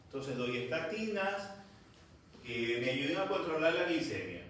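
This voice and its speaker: A man lectures medical students in a classroom, with stern, scolding moments. His voice is a little high, animated and fairly bright, and his pace is a little slow. Recorded from a distance, the room echoes, and slight background noise is audible.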